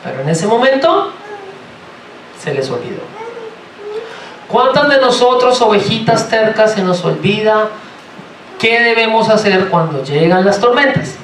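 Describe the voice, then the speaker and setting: A man from Colombia with a Colombian accent, preaching a sermon in a lively, joking way and asking the congregation many rhetorical questions. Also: sits high, measured pace, pauses often, slight background noise. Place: church sanctuary. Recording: roomy, from far off, faint ambience.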